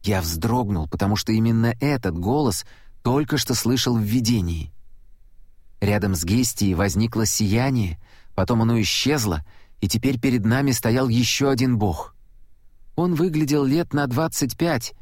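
A man reading an audiobook in first person with steady storytelling delivery. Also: medium pitch, normal speed, dry recording, clean studio sound. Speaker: audiobook narrator.

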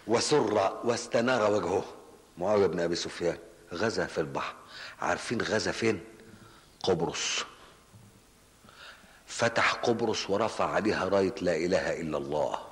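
An Egyptian man preaching in a large mosque hall, his words rolling out quickly in a slightly low voice. He fires rhetorical questions and scolding asides at his listeners. A long reverb trails behind each phrase. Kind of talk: colloquial religious lesson.

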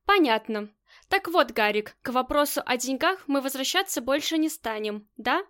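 A woman's voice: high-pitched, lively intonation, normal speed, fairly bright tone. A woman voicing a cold, commanding female crime boss in an audiobook, curt and scornful.

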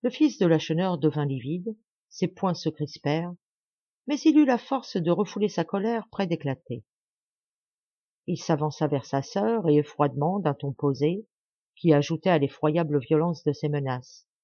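A woman reading a literary audiobook with steady, expressive narration. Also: deep voice, normal speed, no room sound. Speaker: audiobook reader. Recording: dull dry lo-fi audio.

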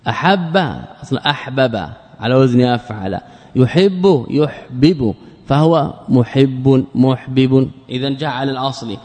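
A man teaching a religious studies class in a measured lecture, repeating key words and putting rhetorical questions to his students. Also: medium pitch, darkish tone. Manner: measured, drawn-out explanation. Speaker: Islamic scholar teaching a class. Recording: long reverb of a large hall.

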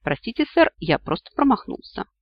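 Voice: mid-range voice, big pitch swings, fairly quick, dry recording, muffled recording, pitched above the performer's own voice. An audiobook reader voicing a gallant, polite male talking mouse. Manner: courtly, polite. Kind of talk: audiobook character voice.

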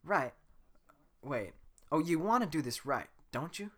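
A yammering male donkey with a Southern twang, as a teenage boy puts him on. The voice jumps way up high and loud, bright and pushy, pleading fast. A cartoon sidekick who never stops talking. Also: lively intonation.

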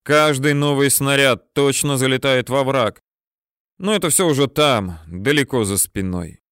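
A man reading a military adventure story as an audiobook, with steady storytelling that swells at tense moments. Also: mid-range voice, measured pace, clean tone, no room sound, studio quality. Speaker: audiobook narrator. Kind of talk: scripted audiobook narration.

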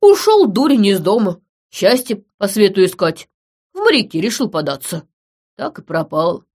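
A woman's voice: medium pitch, big pitch swings, normal speed, a little mellow, breathy edge. Lady doing a sad sighing old dad, worn out. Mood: rueful. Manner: sighing, rueful. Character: weary older father, a stable man.

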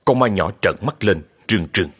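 Low, expressive male storyteller. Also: normal speed, husky. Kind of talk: scripted ghost story narration.

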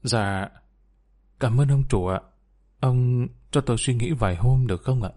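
A man's voice: mid-range voice, unhurried, warm tone, close to an everyday voice. A man voicing a poor young waitress who speaks politely and pleads anxiously. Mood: hesitant. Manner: polite, pleading, respectful particles.

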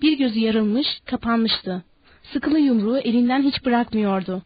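A woman narrating an audiobook in a steady, measured reading. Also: a little high, lo-fi sound, slight background noise.

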